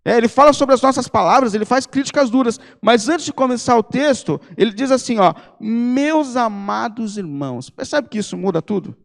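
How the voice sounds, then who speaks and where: A man preaching a sermon as pastor, speaking Brazilian Portuguese, emphatic and conversational, mixing personal stories with forceful appeals. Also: extremely high pitch, quick pace, creaky, few pauses, in a large hall. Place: church hall.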